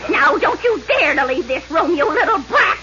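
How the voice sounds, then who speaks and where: A woman's voice: sits high, very animated, moderate pace, a loud crowd. An actress playing a mean, bullying stepmother in 1930s radio comedy, curt and scolding. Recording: muffled, noisy 1930s radio broadcast.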